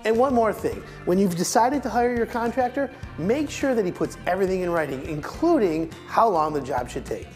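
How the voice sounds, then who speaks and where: On a TV talk show studio set, a middle-aged home improvement expert wearing a lapel mic demonstrates products, upbeat as he pitches and points at samples. He talks expressively and fairly quickly in a darkish tone, barely pausing, with faint music in the background.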